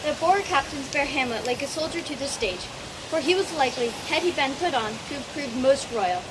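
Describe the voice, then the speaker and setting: A woman's voice: high voice, expressive, fairly quick. A woman playing a stately royal in an amateur Shakespeare stage production. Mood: solemn, commanding. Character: stately Elizabethan royals, queen and conquering prince. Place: barn performance. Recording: noisy amateur live stage recording.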